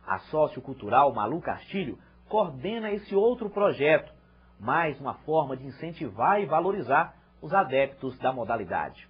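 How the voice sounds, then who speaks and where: Husky Brazilian man narrating news, lively pitch. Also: normal speed. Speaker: reporter. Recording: dull lo-fi TV audio.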